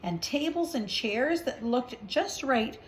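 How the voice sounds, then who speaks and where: Speaking slowly in an animated, rather high voice, a woman reads a picture book aloud over slight background noise. She chats conversationally, tossing in asides and gentle questions as though to a small child.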